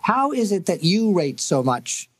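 A man's voice: sits high, big pitch swings, measured pace, slightly rough, dry recording, pitched above the performer's own voice, exaggerated voice. A man playing a sly, smug young man who talks with mocking amusement.

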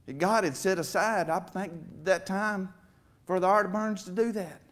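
Preaching a heartfelt testimony in a church sanctuary with a stage, a middle-aged man builds emphatic, emotional swells. His voice is high-pitched, steady and a bit bright, at a moderate pace, recorded by a far camera.

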